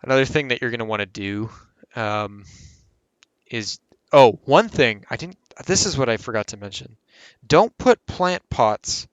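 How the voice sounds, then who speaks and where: A man's voice: mid-range voice, fairly bright tone, clear, resonant tone, no echo. A man hosting a casual gameplay tutorial who rambles and corrects himself mid-sentence as he explains. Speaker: game tutorial host.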